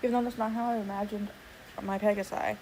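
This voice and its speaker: A woman's voice: mid-range voice, level tone, quick pace, warm tone, a little hiss or hum, poor audio. A young adult woman streamer chatting casually while she draws, thinking aloud and swearing now and then. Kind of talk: casual livestream chat while drawing.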